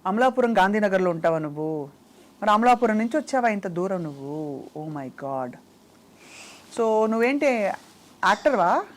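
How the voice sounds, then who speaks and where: A woman's voice: mid-range voice, lively intonation, normal speed, pauses often. A young woman hosting an interview, coaxing and teasing a small child with short questions in a Telugu accent. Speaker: interview host.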